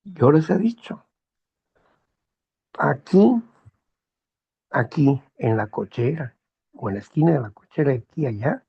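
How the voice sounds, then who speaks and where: A man hosting a morning talk program, speaking in a slow, measured, moralizing monologue with personal anecdotes. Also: a little high, expressive, creaky, breathy edge, lo-fi sound. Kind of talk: reflective monologue.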